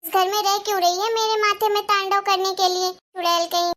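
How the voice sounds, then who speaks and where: A harsh middle-aged stepmother from a family cartoon, played by a woman. She nags and scolds in a shrill, very high voice, sharp and bossy. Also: flat delivery, brisk. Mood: scolding.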